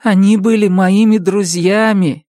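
A woman's voice: mid-range voice, expressive, normal speed, dry recording, clean studio sound, pitched above the performer's own voice, lightly acted. A narrator voicing a stubborn, firm woman who befriends crows, in an audiobook. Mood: indignant. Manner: firm, indignant, then gentle.

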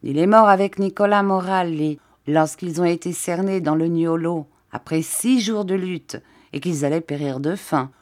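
A woman voicing a weary monotone Corsican man. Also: on the low side, moderate pace, close to an everyday voice. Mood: proud. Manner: monotone, placid, dragging. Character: weary, coughing middle-aged Corsican man.

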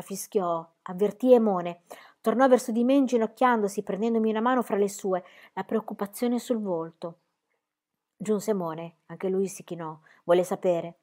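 A woman's voice: medium pitch, a little mellow. Woman narrating a novel in first person. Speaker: audiobook narrator.

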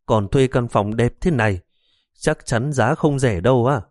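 A man's voice: mid-range voice, normal speed, darkish tone, no room sound, clean studio sound, natural voice. A man voicing a fussy, worried old mother who nags and scolds her grown son. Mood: nagging. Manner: scolding, fretful.

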